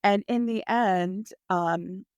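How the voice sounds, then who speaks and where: Slow and a little mellow, this medium-pitched woman in her forties hosts a podcast as a dating coach, delivering an earnest, faith-based pep talk with emphatic repetition. She addresses the listener intimately as "sis," in clean studio sound with no echo.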